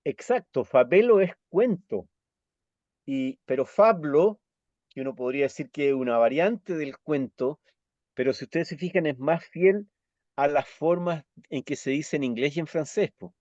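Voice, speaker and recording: A man's voice: a little high, lively intonation, darkish tone, no room sound, muffled recording. Chilean man explaining with patient tag questions. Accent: Chilean Spanish. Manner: patient, checks understanding with quick tag questions. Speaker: Esperanto teacher. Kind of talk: explanatory lesson with slides.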